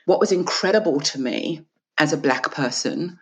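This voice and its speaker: An Australian woman, an author appearing as a guest, speaks in a deep, expressive voice at a moderate pace. In this reflective interview conversation she talks earnestly and with emphasis, sometimes acting out small dialogues.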